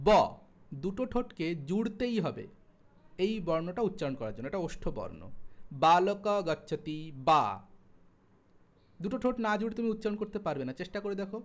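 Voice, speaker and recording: High-voiced chatty Bengali tutor. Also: male voice. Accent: West Bengal Bengali. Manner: chatty teacher, asides and everyday examples, drawn-out spelling of sounds. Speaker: Sanskrit exam tutor. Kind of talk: online exam-prep lesson.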